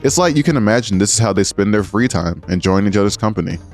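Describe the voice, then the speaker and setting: A man's voice: on the low side, lively intonation, fast talker, a little mellow. A man narrating a scripted video essay with earnest, appreciative commentary. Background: music.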